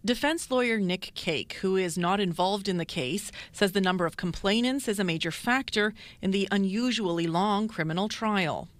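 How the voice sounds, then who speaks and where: A woman, a television reporter narrating a news story in a measured, formal way. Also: mid-range voice, no echo.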